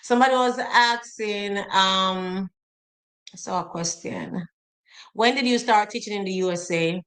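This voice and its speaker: A woman's voice: medium pitch, unhurried, a bit bright, poor audio. A woman with a Jamaican accent hosting a casual interview, friendly, putting viewers' questions to her guest with some hesitation. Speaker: host, teacher.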